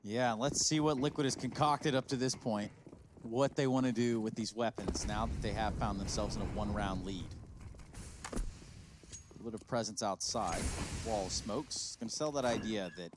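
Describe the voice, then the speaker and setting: A man commentating an esports match, breaking down plays in a relaxed, chatty way. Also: fairly low pitch, normal speed, background noise. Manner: relaxed, chatty analysis with laughs. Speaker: esports caster. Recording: broadcast with music bed. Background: music under the commentary.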